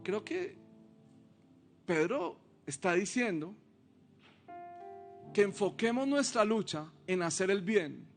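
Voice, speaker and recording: A man's voice: high-pitched, very animated, slow, long pauses, soft background music. A male pastor preaching a sermon, reading scripture aloud and asking the congregation rhetorical questions.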